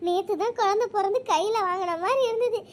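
A woman's voice: very high voice, quick pace. A woman voicing a proud, sentimental village mother in a cartoon, fond and wistful.

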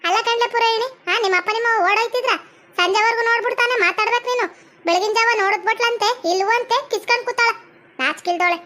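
A woman playing a bossy, sharp-tongued middle-aged village aunt in a comedy skit, speaking with a North Karnataka Kannada accent. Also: extremely high pitch, fast talker, slight background noise. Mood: scolding. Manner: scolding, sharp-tongued, theatrical.

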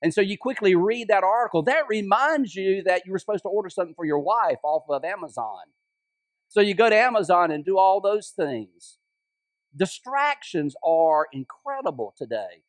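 A man preaching a conversational sermon as pastor, dropping softly on quoted words. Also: fairly high pitch, no room sound. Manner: conversational preaching with restarts and drops to a soft voice on quotes. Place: church sanctuary.

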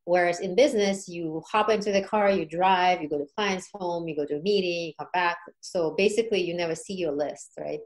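This woman's fairly low voice moves briskly, with hardly any pauses, as she relates her experience as a podcast guest. She keeps it casual and informal, asking check-in questions often.

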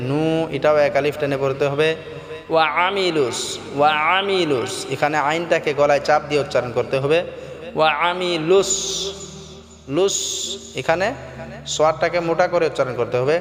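A man teaching Quran recitation in a tajweed lesson, explaining each sound and then chanting the verses slowly and melodically. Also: a little high. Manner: slow drawn-out melodic chanting between spoken explanations. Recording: long reverb with faint background music.

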